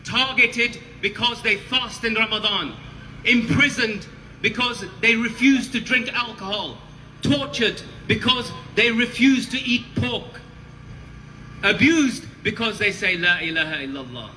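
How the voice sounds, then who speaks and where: A man's voice: high-pitched, unhurried, pushed and bright. A man giving an impassioned, roaring rallying speech to a crowd at an outdoor protest, putting emphatic questions to them. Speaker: protest speaker, former prisoner. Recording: noisy outdoor rally, reverberant amplified voice.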